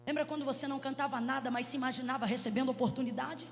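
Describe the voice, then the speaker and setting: A woman pastor with a Brazilian Portuguese accent, preaching a Pentecostal sermon into a handheld mic, swinging from hushed storytelling to shouts. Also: high-pitched, steady tone, racing, slight background noise. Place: large church hall. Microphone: handheld microphone. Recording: reverberant church hall with music.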